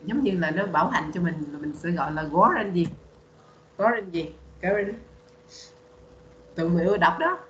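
Patient woman tutor, low voice, roomy muffled call line. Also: big pitch swings, fast talker, hardly any pauses, a bit bright, a little hiss or hum. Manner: patient, repeats words for drilling. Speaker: English teacher. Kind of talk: online bilingual English lesson.

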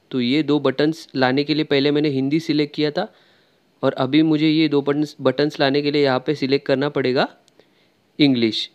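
A tech tutorial creator talks step by step through a screen-recorded tutorial, chatty and loose with frequent filler sounds. His medium-pitched voice comes through a muffled recording.

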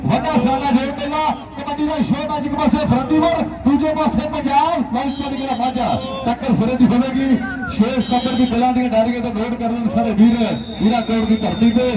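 At an outdoor village sports ground, a man gives frantic kabaddi commentary, chanting player names, lists and repeated rhyming phrases. His extremely high voice is a little fast with fairly even intonation. The echoey outdoor PA sounds distant, with crowd noise.

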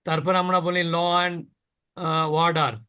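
Teacher, male, high pitch, slow deliberate delivery, questions the class, stretches the model words. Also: flat delivery, bright, forceful tone, clear, resonant tone. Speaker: Quran recitation teacher. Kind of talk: Quran pronunciation lesson.

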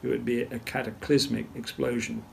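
An older man recalls events at a measured storytelling pace in an interview, often clearing his throat. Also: mid-range voice, flat delivery, darkish tone, slight background noise. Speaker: retired naval officer interviewee. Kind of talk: interview recollection.

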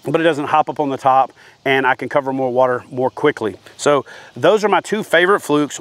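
A man's voice: medium pitch, dry recording. Man giving outdoor fishing tips. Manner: practical, steady explaining with hands-on demonstration. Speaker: fishing instructor. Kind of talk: instructional talk to camera. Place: outdoors by a wooden shed. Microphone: lapel mic.

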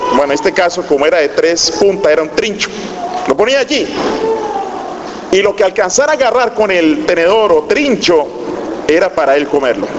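A male pastor preaching a sermon, reading scripture aloud with earnest rising emphasis. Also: fairly high pitch. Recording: echoey hall with steady background noise.

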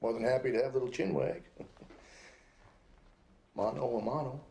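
An actor playing a folksy police interrogator who needles his suspect with slow, mock-patient questions. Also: medium pitch, vocal fry, warm tone, close to an everyday voice. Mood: needling.

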